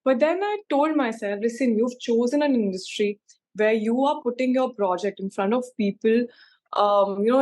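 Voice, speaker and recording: Her voice is on the high side and a little mellow: a young Indian-accented actress being interviewed, informal and emphatic, sprinkling her speech with "like" and "you know."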